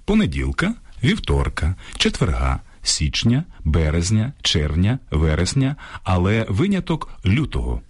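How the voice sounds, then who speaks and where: A man with a husky voice that swings widely up and down as he presents on the radio. He reads his script in a measured, deliberate way, pausing over each example word. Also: low voice, huge pitch swings, darkish tone. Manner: measured, lists examples slowly. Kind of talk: scripted educational radio talk. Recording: radio studio broadcast.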